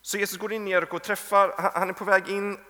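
A man's voice: high voice, level tone, sharp tone. A man in his thirties, a pastor, preaching a conversational sermon and acting out the voices in his stories. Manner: conversational storytelling, acts out quoted voices. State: tired from little sleep. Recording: long reverb from a hall.

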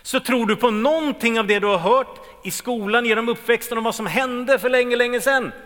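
High-voiced preacher in a reverberant hall. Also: male voice. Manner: swings between loud emphatic lines and quiet low ones. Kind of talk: sermon.

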